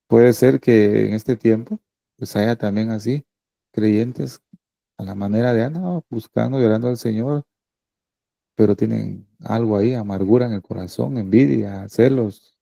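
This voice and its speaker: A male pastor preaching a sermon in a conversational way, often checking in with the congregation through quick tag questions. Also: mid-range voice, creaky, dark tone, dry recording.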